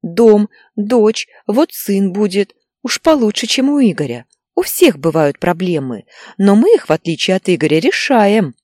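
A woman's voice: medium pitch, big pitch swings, a little slow, dry recording, clean studio sound. A woman voicing a hysterical, tearful pregnant young wife who whines and snaps defensively. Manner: whiny and defensive, breaks into shouting.

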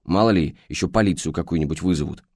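A man with a low voice reads an audiobook in an even, measured way. The sound is dry and close, with no room echo at all. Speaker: audiobook narrator. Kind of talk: audiobook narration.

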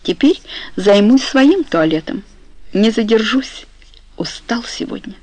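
A woman voicing a tender, sleepy young husband who talks softly and affectionately, in a dry close recording. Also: on the high side, lively intonation, measured pace, no echo, low-quality recording. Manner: soft, affectionate, murmuring.

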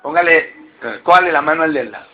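A man's voice: fairly high pitch, racing, narrow, tinny audio. A male pastor, preaching a sermon and exhorting the congregation directly in a conversational way.

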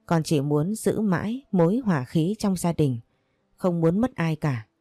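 A gentle grown son, as a woman narrator reads him pleads softly with his mother. His voice stays low and warm. The recording is dry and close. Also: lively intonation, unhurried, dry recording. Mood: pleading. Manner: soft, pleading.

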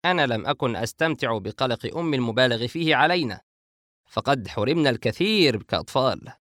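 A man's voice: mid-range voice, expressive, fast, a bit bright, no room sound, studio quality, natural voice. A man voicing a joking, teasing grown brother in an audiobook. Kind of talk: audiobook character voice.

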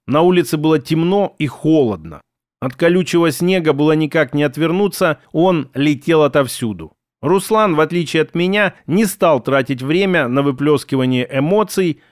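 Brief: male audiobook narrator, steady storytelling, somewhat high voice, dry booth sound. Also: no room sound. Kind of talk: first-person audiobook narration.

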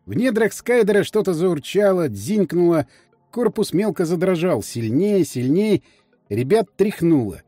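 Brief: male audiobook narrator, warm low-toned voice, very animated delivery, faint music underneath. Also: unhurried, dry recording. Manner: expressive storytelling. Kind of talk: scripted narration.

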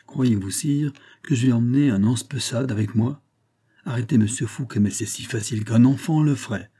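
Man reading as impertinent musketeer captain, blunt, ironic, dark husky voice. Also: mid-range voice, a little fast, lightly acted. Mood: scornful. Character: bold veteran male musketeer captain, impertinent.

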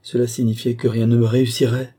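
A man reading the lines of a grief-stricken young woman in a hushed, broken voice, in a storybook reading. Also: medium pitch, little pitch movement, quick pace, husky, pitched above the performer's own voice, natural voice. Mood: despairing. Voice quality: hushed, muffled.

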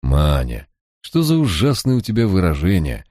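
A man's voice: deep voice, huge pitch swings, moderate pace, mellow, no room sound, studio quality, exaggerated voice. A man voicing a shrewd, cocky male police detective who talks in a mocking, coaxing drawl. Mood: coaxing mockery.

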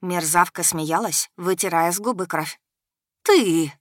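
A woman reading a fantasy audiobook in a measured, even way. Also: fairly low pitch, dry recording, studio quality. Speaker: narrator.

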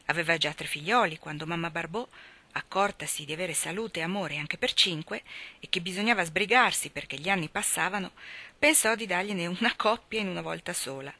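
A woman narrating a classic novel aloud in a measured, expressive storytelling manner. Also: lowish voice. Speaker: reader. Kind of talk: audiobook narration.

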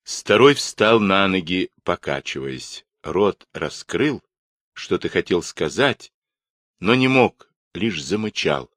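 Male audiobook narrator, deep and slow, dramatic, close dry mic. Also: expressive, fairly bright tone, no echo.

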